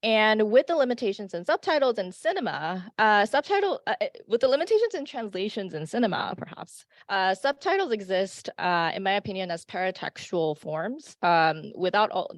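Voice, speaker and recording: At a conference session, a woman with a mid-range voice presents her academic paper, reading in a measured way. She often says "uh" and restarts sentences, and the audio has no echo.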